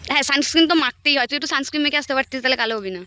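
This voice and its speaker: A woman vlogging in casual chat, playful and teasing, slightly hoarse, recorded on a phone outdoors. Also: high-pitched, rapid-fire, sharp tone, slight background noise. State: hoarse throat. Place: outdoors, wedding and village roads.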